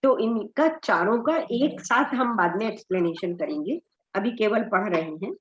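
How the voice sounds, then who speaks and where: A middle-aged woman teaching an online scripture class, slowly chanting verses and then translating them line by line. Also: medium pitch, lively intonation, echoey room, highs cut off. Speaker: Gita study group teacher. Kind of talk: slow scripture recitation and explanation. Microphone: online group call.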